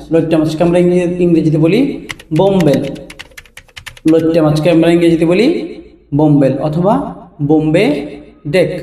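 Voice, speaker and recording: A man from Bangladesh teaches vocabulary in a relaxed, chatty way, saying each term and then repeating it slowly, word by word. His voice sits high. He sounds set back from the mic in a roomy, echoing space, with faint noise underneath. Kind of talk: casual teaching, naming and repeating words. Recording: roomy echo, voice heard from a distance, faint noise.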